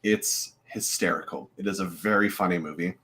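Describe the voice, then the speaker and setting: A man with a very deep, low voice co-hosts a casual podcast. He rambles easily and loosely, dropping plenty of filler uhs as he goes. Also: normal speed, sharp tone. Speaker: co-host.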